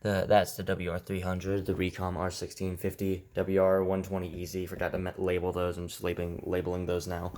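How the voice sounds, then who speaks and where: A man with a deep, monotone voice talks briskly and barely pauses as he hosts a homemade gadget video about weather radios. It's casual, unscripted vlog chat picked up on a headset, with heavy background noise and clicking.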